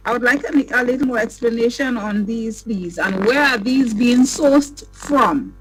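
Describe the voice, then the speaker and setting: A woman journalist asking questions at a press briefing over a remote call, her voice distorted with background noise, speaking haltingly with many fillers. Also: on the high side. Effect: distorted remote call audio with background noise.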